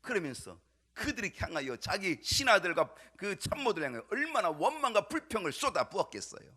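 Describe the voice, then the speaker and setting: A male pastor preaching a sermon, emphatic, with repeated rhetorical questions to the congregation and sometimes dropping to a hushed whisper. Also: high voice, sing-song, a little fast, breathy edge. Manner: drops to a hushed whisper at times.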